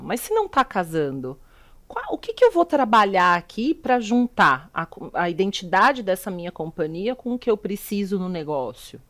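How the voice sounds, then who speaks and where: A woman's voice: lowish voice, a bit bright. A middle-aged woman with a Brazilian Portuguese accent, a sustainability executive explaining her views as a guest in a videocast interview, posing rhetorical questions as she goes.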